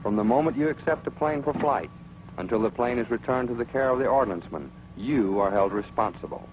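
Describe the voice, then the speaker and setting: Through a muffled, noisy 1940s film soundtrack, a man narrates a training film in the role of a stern military flight instructor. His medium-pitched voice is brisk and lightly acted, and he sounds authoritative, scolding and didactic as he instructs sternly.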